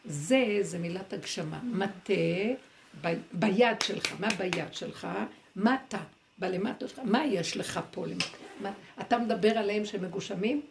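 A woman giving a Torah lesson to a group, lively and full of rhetorical questions, acting out inner dialogue as she explains. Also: mid-range voice, noisy background. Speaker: Torah teacher.

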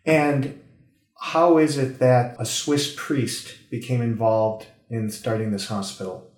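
A man's voice: mid-range voice, steady tone, slow pace, darkish tone. American male host, friendly and inquisitive interviewer, roomy echo on the voice. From United States. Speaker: radio host.

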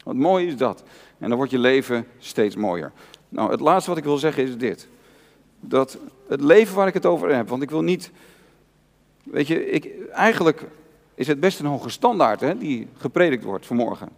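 A man's voice: mid-range voice, lively intonation, normal speed. A male pastor preaching an earnest, personal sermon, repeating key phrases for emphasis. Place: church hall. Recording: long church reverb.

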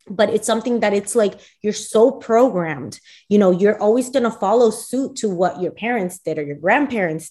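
A woman's voice: medium pitch, a little mellow. Earnest woman podcast co-host. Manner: earnest, reflective, many fillers. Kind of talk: casual chat.

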